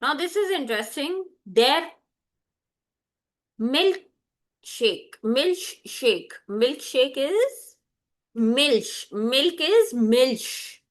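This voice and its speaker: A woman teaching vocabulary, repeating each word slowly and clearly for learners. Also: high-pitched, big pitch swings. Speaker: language teacher. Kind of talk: slow, deliberate vocabulary lesson.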